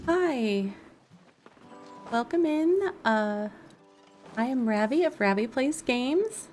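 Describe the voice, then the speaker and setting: This gaming content creator talks through her gameplay on a casual livestream, musing aloud as she goes. Her fairly high voice is animated yet slow, with a darkish tone, and faint music runs underneath.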